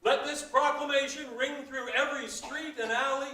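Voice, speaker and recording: A man making a town crier's proclamation in a loud, ceremonial, theatrical old-fashioned manner, indoors in a council chamber. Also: very high-pitched, steady tone, normal speed. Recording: echoey hall, far from mic.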